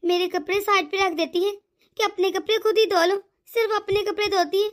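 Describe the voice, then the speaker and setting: Brief: woman doing a fussing cartoon mother-in-law, older, soft and coaxing, very high pitch. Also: fairly even intonation, a little fast. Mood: complaining. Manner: soft-spoken, worried, coaxing. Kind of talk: animated cartoon voice acting.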